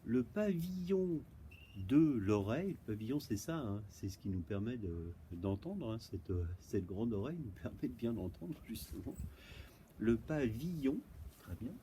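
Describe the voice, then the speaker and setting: Patient French teacher spelling out words. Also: male voice, lowish voice, expressive, normal speed, dark tone, slight background noise, poor audio. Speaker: primary school teacher. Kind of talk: recorded homework correction for pupils at home. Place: outdoors, windy.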